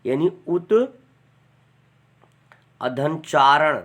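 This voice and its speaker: Brief: male grammar teacher, slightly high-pitched, chatty and deliberate. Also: fairly bright tone. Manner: chatty, repeats "है ना" often; dictates word forms slowly and deliberately. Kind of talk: online class lecture.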